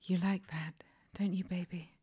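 A woman doing a whispered ASMR roleplay, giving slow, commanding instructions in a soft whisper with endearments and quiet laughs. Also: on the low side, steady tone, breathy edge.

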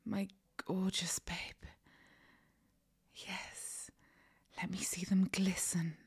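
Slow breathy whispering woman. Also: level tone. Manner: slow, commanding, soft whispering with endearments; low breathy whisper, soft laughs. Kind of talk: whispered ASMR roleplay.

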